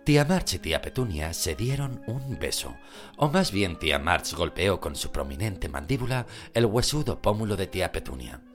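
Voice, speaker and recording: A man reading a novel aloud as an audiobook narrator, with expressive storytelling. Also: sits low. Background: background music.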